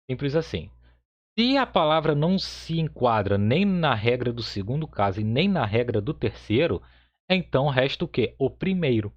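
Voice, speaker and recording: Guy explaining hebrew grammar slow and patient, keeps asking "got it?", bit muffled audio. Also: mid-range voice. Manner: patient, repeats points with frequent "tá?" checks. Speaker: Hebrew teacher. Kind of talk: explanatory lesson. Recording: slightly dull lo-fi audio.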